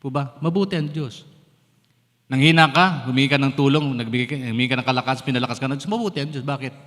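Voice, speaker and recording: A man's voice: medium pitch, rapid-fire, fairly bright tone. Filipino pastor guy preaching, keeps asking the crowd questions, long church reverb. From Philippines. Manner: mixes English phrases into Tagalog, asks the congregation questions. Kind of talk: sermon. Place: church sanctuary.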